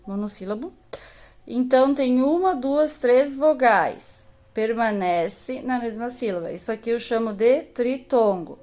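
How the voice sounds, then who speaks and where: A woman's voice: on the high side, darkish tone. A woman teacher with a Brazilian accent giving a recorded grammar lesson to young pupils, patiently stretching out the example words. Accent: Brazilian Portuguese. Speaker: primary school teacher.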